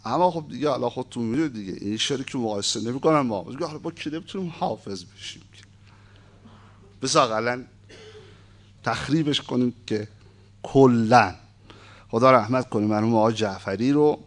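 A man giving an informal lecture, reading a text aloud and breaking off into conversational, wry asides. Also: medium pitch. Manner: conversational, asides and wry humor between read passages.

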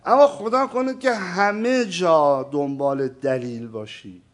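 A man teaching a theology lesson, speaking emphatically and often putting questions to his listeners. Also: a little high. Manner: emphatic, keeps asking the audience questions; addresses listeners as "sir". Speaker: religious teacher. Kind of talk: lecture on theology.

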